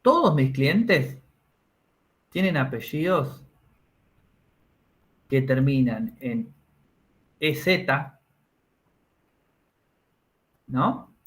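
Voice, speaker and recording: A man's voice: mid-range voice, lively intonation, drawn-out words, pauses often, a bit bright. Man teaching a class step by step. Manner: explains step by step, checks understanding with tag questions. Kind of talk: classroom lesson.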